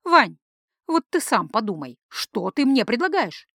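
A woman doing Yulia, a sharp-tongued young woman. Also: a little high, big pitch swings, a little slow, no echo, clean studio sound, heavily acted. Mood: indignant. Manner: indignant, mocking retorts.

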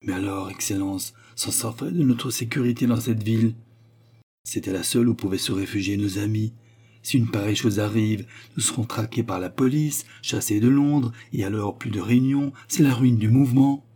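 A man's voice: on the low side, normal speed, mellow, slightly rough. A man voicing an anxious, deferential male conspirator in an audiobook. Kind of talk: audiobook character reading.

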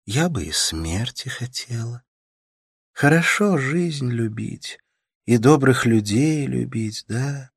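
A tender, lonely young woman who soothes and coaxes in a soft, lilting, sing-song way, as a male reader lifts his voice into her. The tone stays husky and close, with no room around it. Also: medium pitch, expressive, slow pace, dry recording, voice pushed up, heavily acted. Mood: storytelling. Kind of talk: audiobook character voice.

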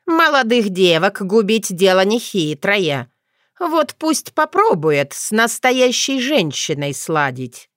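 A woman's voice: mid-range voice, very animated, takes it slowly, fairly bright tone, no room sound, studio quality. A woman voicing a playful, bossy old witch grandmother who talks in a teasing, folksy way.

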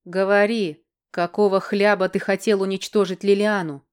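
A woman reading an audiobook, voicing a hot-tempered young male dragon-shifter prince who speaks gruffly and commandingly. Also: mid-range voice, level tone, normal speed, lightly acted. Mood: menacing. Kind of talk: audiobook character voice.

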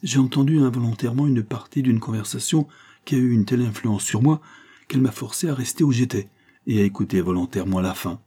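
A man's voice: medium pitch, fast talker, mellow, husky, pitched above the performer's own voice, close to an everyday voice. A man reading the part of a bitter, impassioned young lawyer husband in an audiobook, pleading and reproachful. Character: brooding young male lawyer, wounded husband.

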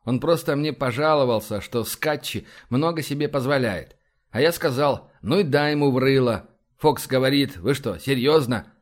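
A shrewd, sardonic admiral, as a male audiobook reader voices him close to the reader's own mid-pitched tone. He speaks dryly and conspiratorially in this science-fiction audiobook. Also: moderate pace, lightly acted.

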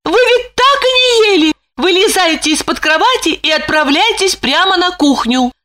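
A woman voicing a frightened, flustered young wife who speaks in a squeaky, pleading way. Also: animated, moderate pace, sharp tone, heavily acted. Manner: squeaky, pleading, high-pitched.

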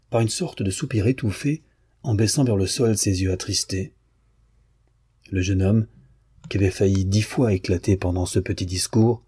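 Un homme qui lit un roman à voix haute, d'une narration posée et régulière. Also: male voice, low voice, dark tone, breathy edge, no echo. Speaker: audiobook narrator. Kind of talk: audiobook reading.

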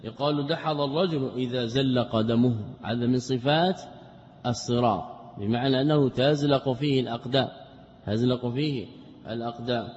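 A man's voice: medium pitch, darkish tone. Man teaching in an echoing hall. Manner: repeats words and asks rhetorical questions; slows down when reciting quoted texts. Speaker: religious teacher. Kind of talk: lecture explaining a classical text. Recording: dull lo-fi lecture recording with long reverb.

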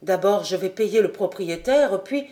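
A woman's voice: medium pitch, lively intonation, unhurried, warm tone, close to an everyday voice. A woman reading the part of a shy but earnest poor boy apprentice in an audiobook, eager and a little flustered. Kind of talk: audiobook character voice.

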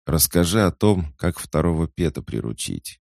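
A man's voice: very deep voice, big pitch swings, normal speed, vocal fry, darkish tone, no room sound, clean studio sound, pitched above the performer's own voice, exaggerated voice. A man voicing a curious, easygoing young boy hero in an audiobook, speaking plainly and directly.

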